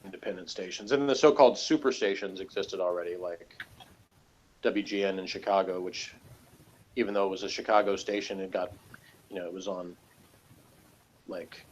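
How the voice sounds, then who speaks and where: A Texas man co-hosts a podcast reviewing a TV episode, his deep voice moving at a moderate pace with frequent pauses. He chats casually and unscripted, rambling, correcting himself, and joking dryly. The recording is rough, with slight background noise.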